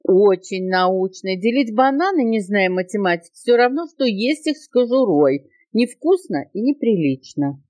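A woman's voice: mid-range voice, expressive, normal speed, darkish tone, no room sound, voice pushed up, lightly acted. A woman voicing a fussy, strict, know-it-all male parrot in a storybook reading, lecturing indignantly and drawing out his words.

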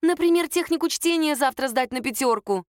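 A woman voicing a cheerful, caring young woman friend who coaxes gently and bosses her younger brother. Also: high-pitched, expressive, fairly quick, dry recording, clean studio sound, pitched above the performer's own voice. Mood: bossy. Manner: bright, coaxing, bossy with her brother.

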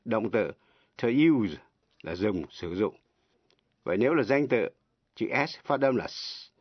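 Male radio language teacher, slow and lively in pitch, lowish voice, dull dry lo-fi broadcast sound. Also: slightly rough, no room sound. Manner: spells words letter by letter and translates each example. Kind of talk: slow, deliberate language lesson.

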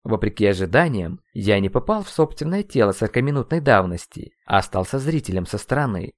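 A man reads a first-person audiobook in a fairly low, lively voice that rises and falls often. The recording is dry and close, and his tone is wry. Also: fairly quick, dry recording. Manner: expressive, ironic. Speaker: audiobook narrator.

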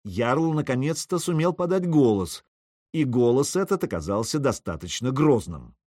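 A man reads a first-person story with dry irony, his intonation rising and falling in lively sweeps. The sound is close and completely dry, with no room around it. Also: mid-range voice, normal speed, dry recording. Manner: wry, ironic. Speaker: audiobook narrator. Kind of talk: first-person audiobook narration.

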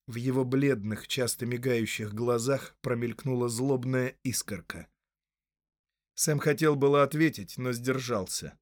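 Calm male audiobook narrator, mid pitch, dry close sound. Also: measured pace, dry recording.

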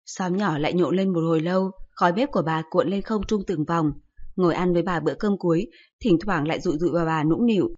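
A woman reading a story aloud, with gentle, nostalgic narration. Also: lowish voice, quick pace. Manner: gentle, nostalgic narration, voicing all the children. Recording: slightly dull lo-fi audio.

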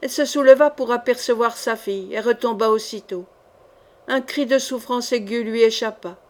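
A woman narrating a classic swashbuckling novel in a measured, expressive reading voice. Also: a little high. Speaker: audiobook reader.

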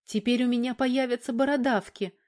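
Valka, a woman putting on a high cheeky young girl. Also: fairly even intonation, brisk, a little mellow, close to an everyday voice. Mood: fretful. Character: young girl, frightened, then cheeky and defiant.

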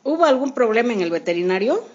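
A woman voicing an impatient, busy mother in a storybook reading, brisk and annoyed, on a muffled lo-fi radio recording. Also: fairly high pitch, very animated.

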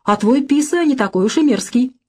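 A woman voicing a capricious, sharp-tongued young woman in an audiobook reading. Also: high-pitched, expressive, a little fast, husky, voice pushed up. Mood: excitable, mocking.

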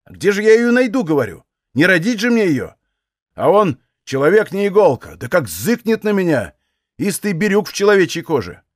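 A garrulous older Cossack who grumbles in rough country talk, as a male reader plays him. His voice sits raised and bounces lively, dry and close. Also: sits high, normal speed, no echo, pitched above the performer's own voice. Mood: grumbling.

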